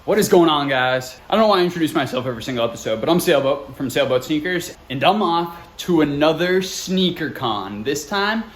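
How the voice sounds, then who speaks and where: A man's voice: fairly high pitch, expressive, fairly quick, few pauses, breathy edge. A man vlogging casually from his car on a road trip, chatty and laid-back, swearing now and then. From Boston. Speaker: sneaker vlogger. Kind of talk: casual vlog narration.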